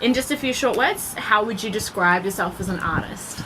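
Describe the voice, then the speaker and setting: A woman's voice: medium pitch, normal speed. A woman hosting a radio interview, friendly and upbeat, with plenty of "um"s. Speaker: radio show host, interviewer. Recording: clear background noise.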